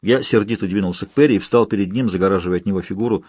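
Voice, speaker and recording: Husky man narrating an audiobook. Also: on the low side, very fast, darkish tone, dry recording. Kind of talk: first-person audiobook narration.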